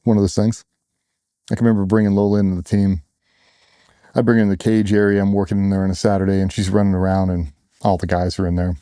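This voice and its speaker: A man's voice: low voice, level tone, fast, warm tone, clean tone, no room sound, studio quality. A middle-aged man, a former soldier, telling his own story in a blunt, casual way, acting out what others said. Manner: blunt, casual, with acted-out quotes. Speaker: interview guest, former Navy SEAL. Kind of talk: candid personal storytelling.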